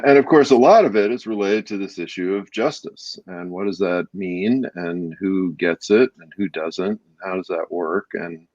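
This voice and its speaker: Deep-voiced co-host from Northwest Minnesota, halting and laughing, dry dull recording. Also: male voice, dry recording. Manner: laughs often, halting with many fillers. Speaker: podcast co-host. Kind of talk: casual chat. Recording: dull lo-fi sound.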